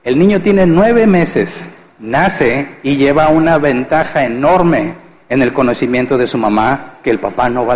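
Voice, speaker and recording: In a large church hall, a pastor with a medium-pitched, darkish voice preaches conversationally, posing rhetorical questions he then answers and humorously acting out family scenes. The recording is low quality.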